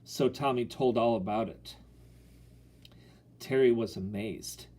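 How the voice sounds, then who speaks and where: Mellow-voiced male audiobook narrator. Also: medium pitch, takes it slowly.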